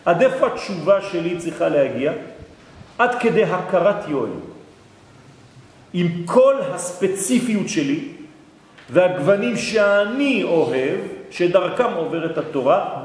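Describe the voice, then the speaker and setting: A man teaching a lecture to a class, lively and often checking that listeners follow. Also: high-pitched. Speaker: Torah teacher. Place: hall with an audience. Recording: echoey hall.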